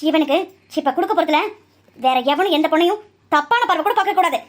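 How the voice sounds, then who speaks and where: A fierce young woman doctor in a cartoon, voiced by a woman, with a high, bright voice. She scolds and declaims with fiery intensity. Her lines carry strong moral anger. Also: fast talker. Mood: furious. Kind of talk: cartoon voice acting.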